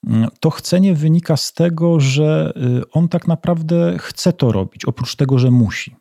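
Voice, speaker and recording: Brief: middle-aged male guest, dark gravelly voice, measured explainer, dry close mic. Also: on the high side, dry recording. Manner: measured, explanatory, uses rhetorical tags. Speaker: business intelligence consultant, guest. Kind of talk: interview answers.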